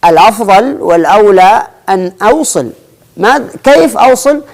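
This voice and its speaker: A woman teaching an Arabic spelling lesson, often restarting and repeating phrases and slowing down to spell out example words. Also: mid-range voice, expressive, a little mellow. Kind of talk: explanatory lesson.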